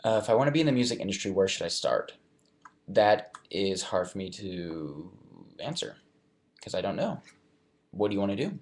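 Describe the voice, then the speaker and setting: A man's voice: lowish voice, normal speed, long pauses. Laid-back young man answering fan questions. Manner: relaxed, thoughtful, reading questions aloud then answering. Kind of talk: casual live chat.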